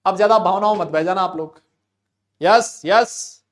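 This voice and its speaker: A man teaching chemistry in a live online class, speaking loudly and repeating students' questions back to them. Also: sits high, fairly even intonation, quick pace. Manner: loud, talks to students, voices their questions back. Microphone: desk mic with level meter.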